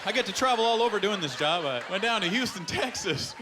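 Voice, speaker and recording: A man from Canada performs a stand-up set on a club stage, his voice leaping up and down in lively swings. He tells his stories with quick punchlines through a handheld mic, and loud noise from the live show fills the background. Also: sits high. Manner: animated storytelling with punchlines. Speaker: stand-up comedian.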